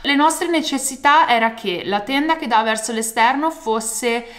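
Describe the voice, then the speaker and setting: A woman's voice: a little high, normal speed, fairly bright tone. A woman of around thirty talking casually to camera in an emphatic, enthusiastic vlog style, drawing out words. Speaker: vlogger. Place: bright room at home.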